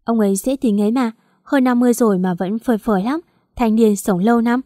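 A woman's voice: a little high, quick pace, mellow, no room sound, studio quality, close to an everyday voice. A woman voicing a teasing, gossipy young woman who is the narrator's best friend.

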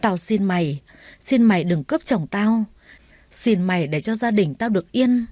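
A woman's voice: medium pitch, lively intonation, dark tone, no echo, clean studio sound, lightly acted. A woman voicing a desperate young wife who begs for her family. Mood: begging. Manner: pleading, slow.

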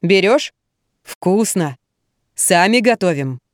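A friendly, down-to-earth barmaid, voiced by a woman reading aloud, who talks plainly and pities the customer. The pitch moves around a lot, and the sound is dry and close. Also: lively intonation, takes it slowly, no echo. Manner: plain-spoken, pitying. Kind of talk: audiobook reading.

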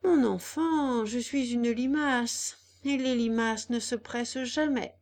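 Storybook snail, placid and very slow, voiced by a woman; keep it gentle. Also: fairly high pitch, voice pushed up. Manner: drawn-out, unhurried, placid. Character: slow unhurried female snail, calm and kindly.

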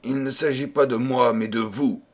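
A man's voice: medium pitch, steady tone, moderate pace, darkish tone, natural voice. A man reading a fairy tale, voicing a sinister scheming male courtier with a mysterious, clipped manner.

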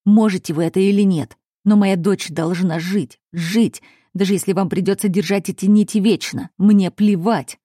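A woman voicing a grief-crazed middle-aged nobleman father who shouts, accuses and threatens. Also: medium pitch, steady tone, moderate pace, few pauses, husky, no room sound, studio quality, close to an everyday voice. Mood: contemptuous.

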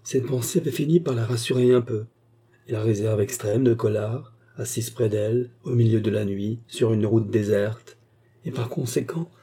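A man reads a classic novel aloud in a steady, measured way. His voice is very dark and husky. He sits at a middle pitch. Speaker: audiobook narrator. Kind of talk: audiobook reading of a classic novel.

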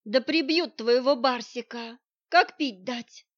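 Brief: woman doing a jittery, blustering ex-soldier man in an audiobook, high, muffled lo-fi sound. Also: measured pace, natural voice. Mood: agitated. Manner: excitable, blustering, alarmed. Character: agitated ex-soldier neighbor, man.

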